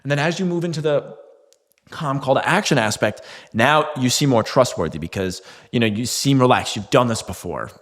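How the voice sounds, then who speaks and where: A man's voice: mid-range voice, expressive, moderate pace, a bit bright, in a large hall. A man giving a casual instructional talk to camera as a marketing coach, conversational, with fillers and occasional restarts.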